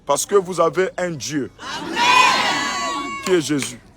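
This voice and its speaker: A man's voice: on the high side, animated, takes it slowly, heavy background noise. A man, a pastor talking outside his church among a crowd, exclaiming and repeating himself in disbelief. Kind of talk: phone video to followers, then addressing a crowd.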